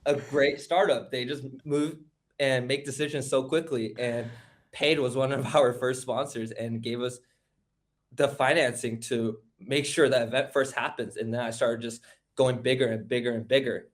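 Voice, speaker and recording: A man's voice: medium pitch, fairly even intonation. Eager teenage guy. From California. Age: teens. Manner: eager, fast storytelling. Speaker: guest, hackathon organizer. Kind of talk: casual interview talk.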